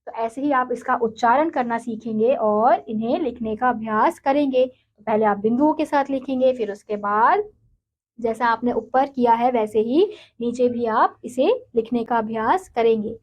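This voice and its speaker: A woman with a slightly high voice teaches young children to read and write, patiently sounding out each syllable before blending them into words. The lesson is slow and syllable-by-syllable, though her pace is moderate. A little hiss or hum is audible.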